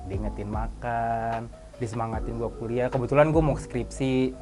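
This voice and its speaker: A man's voice: medium pitch, steady tone, normal speed, over music. A young man, a university student, chatting easily as an interviewee. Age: young adult.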